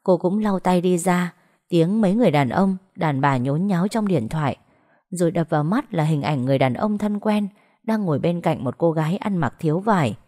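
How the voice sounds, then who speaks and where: Woman narrator, scripted story reading, even and measured, a bit low-pitched.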